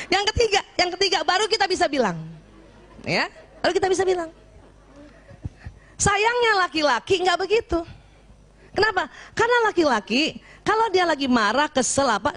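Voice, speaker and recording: A woman giving a lively talk to an audience of women, animated and often checking in with her listeners. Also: very high-pitched. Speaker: speaker addressing women.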